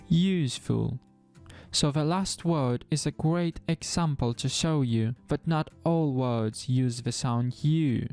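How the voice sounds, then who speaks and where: A man giving a pronunciation lesson, demonstrating sounds slowly and deliberately. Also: a little high, darkish tone, clean tone. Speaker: language teacher.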